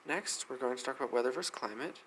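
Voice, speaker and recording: A man hosting a weather news segment, reading articles aloud quickly with frequent slips and restarts. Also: mid-range voice, a bit bright, a little hiss or hum, rough recording.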